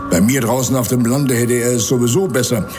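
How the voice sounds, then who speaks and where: An actor playing a wealthy, menacing country cousin in a radio drama, speaking in a formal, condescending, sanctimonious manner. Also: male voice, mid-range voice, steady tone, a little fast, music in the background, natural voice. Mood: indignant, haughty. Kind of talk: German radio drama acting.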